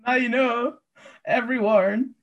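A woman's voice: a little high, steady tone, slow, lo-fi sound. A woman of twenty-one co-hosting a casual podcast chat, laughing often and restarting her sentences. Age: 20s. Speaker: podcast co-host.

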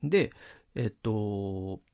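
A man's voice: on the low side, lively intonation, very slow, vocal fry, a little mellow, clean tone. A man hosting a solo podcast, talking reflectively into a microphone with frequent hesitations and self-corrections. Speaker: podcast host. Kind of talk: solo podcast monologue about a book. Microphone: speaking into a microphone.

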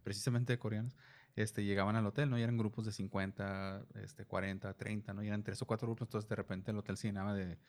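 A man's voice: fairly low pitch, fast talker. A man chatting casually, telling stories with lots of fillers and acting out the voices of the people he quotes. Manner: animated storyteller, acts out quoted voices; many fillers and repeated words. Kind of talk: casual conversation about a series.

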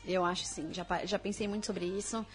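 A woman's voice: lowish voice, steady tone, fairly quick, faint music behind. A woman from inland São Paulo state, chatting as an interview guest, laughing often and acting out quoted lines. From interior of São Paulo state, Brazil. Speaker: interview guest, video creator. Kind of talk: casual interview chat.

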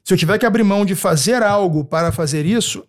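A podcast guest with a Brazilian Portuguese accent talks quickly and emphatically in a fairly high voice during a casual conversation. He keeps repeating phrases and checking that he's understood.

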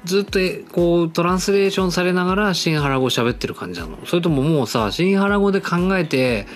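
A man co-hosting a podcast in casual chat, listening closely and reacting with steady murmurs of agreement. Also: fairly high pitch, fast, soft background music. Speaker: podcast co-host.

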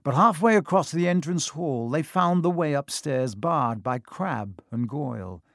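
A man narrating a children's storybook in a measured, expressive way. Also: on the high side, no echo, clean studio sound. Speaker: audiobook narrator.

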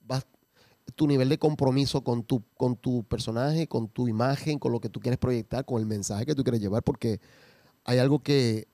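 Measured man, dry studio sound. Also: medium pitch, mellow, dry recording. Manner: measured, pauses often, reflective. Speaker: comedian and character performer. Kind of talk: casual conversation.

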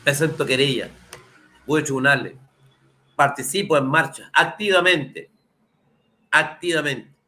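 A Chilean man, a lawyer hosting his own program, delivering impassioned political commentary with a hoarse, sore throat, asking the audience rhetorical questions. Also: a little high, unhurried, long pauses, sharp tone. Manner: indignant, rhetorical questions, addresses the audience directly.

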